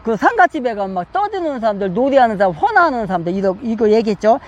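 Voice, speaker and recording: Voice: medium pitch, big pitch swings, fast, dull audio. A Korean Bible study teacher lecturing emphatically, repeating phrases and asking the listeners many rhetorical questions.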